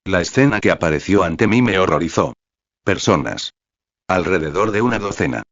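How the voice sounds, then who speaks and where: Deep, even-voiced male story reader. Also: no room sound. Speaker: novel reader. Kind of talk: scripted first-person fanfic narration. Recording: dry, slightly dull recording.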